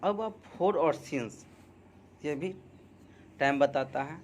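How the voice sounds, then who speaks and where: Very slow-speaking male teacher. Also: on the high side, slight background noise. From India. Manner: slow, deliberate dictation of example sentences. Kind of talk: English grammar lesson.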